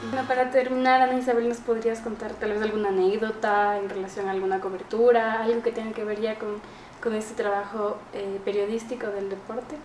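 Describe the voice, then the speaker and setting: A woman's voice: mid-range voice, little pitch movement, brisk, darkish tone, faint music behind. Distant woman interviewer in a roomy space. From Ecuador. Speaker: student interviewer. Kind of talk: interview questions.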